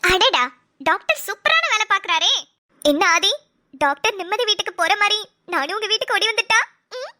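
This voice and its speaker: A woman voicing a squeaky chatty young woman. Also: animated, normal speed, pushed and bright, exaggerated voice. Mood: teasing. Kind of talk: cartoon voice acting.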